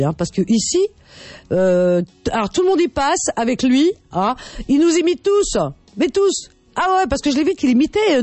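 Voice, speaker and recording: A woman hosting a radio show in casual, chatty banter, expressive and teasing, punctuating her talk with tag words. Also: a little high, dry recording. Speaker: radio host. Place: radio studio.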